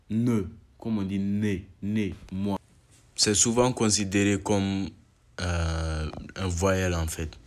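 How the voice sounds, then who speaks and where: Young male language tutor, low voice, slow and calm explaining. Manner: calm explaining, voice jumps up loud on each letter called out. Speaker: language teacher. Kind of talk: alphabet lesson.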